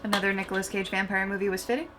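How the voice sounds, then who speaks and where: A woman's voice: mid-range voice, steady tone, rapid-fire, noisy background. A woman chatting casually in a film reaction, making dry, teasing quips. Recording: loud music behind the voice.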